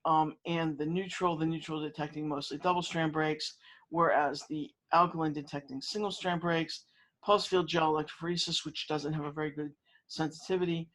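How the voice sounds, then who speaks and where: A man with a fairly high voice delivers a university lecture. He explains step by step, often pausing on fillers and restarting his sentences. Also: steady tone, fairly bright tone, poor audio. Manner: halting, many fillers and restarts.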